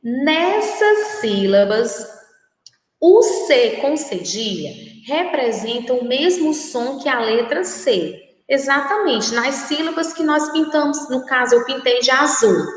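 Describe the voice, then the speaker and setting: A woman teacher with a Brazilian Portuguese accent, giving a recorded lesson to children and speaking slowly and carefully, repeating words for them to say aloud. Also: sits high, animated. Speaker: primary school teacher. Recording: very echoey room with long reverb.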